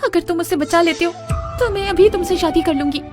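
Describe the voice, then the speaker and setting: A woman's voice: very high voice, fairly quick, over music. An actress playing an earnest young daughter begging her father, in a dubbed drama. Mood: pleading. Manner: pleading, earnest. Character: desperate young daughter pleading. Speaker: narrator and daughter. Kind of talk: Hindi dub of a drama series.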